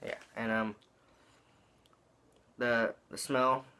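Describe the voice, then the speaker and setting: A man's voice: mid-range voice, level tone, extremely slow, bright, forceful tone, smooth. A young man talking with chewing tobacco in his mouth, giving a casual, rambling, slangy product review with some swearing.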